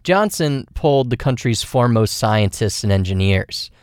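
A man's voice: mid-range voice, animated, normal speed, dry recording, clean studio sound. A man narrating a scripted radio news feature as a reporter.

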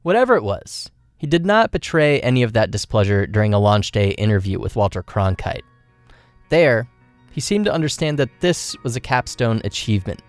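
A man reads a scripted news feature as a radio reporter. His voice sits at a middle pitch, in a very dry studio sound. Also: sing-song, moderate pace, no room sound, soft background music.

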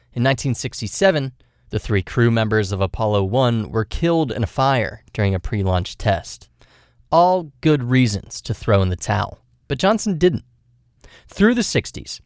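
A man reads a scripted news feature as a radio reporter. His voice sits at a middle pitch, in a very dry studio sound. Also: dry recording.

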